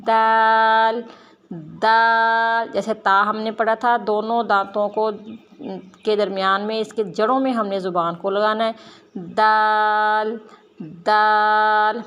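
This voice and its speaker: A woman gives a Quran reading lesson at a patient pace. She explains how to shape the lips and tongue, then says each letter slowly with emphasis for the learners to repeat. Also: mid-range voice, steady tone, a bit bright, dull audio. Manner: drawn-out, emphatic letter sounds, explaining mouth positions. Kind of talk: slow, careful letter-by-letter pronunciation lesson.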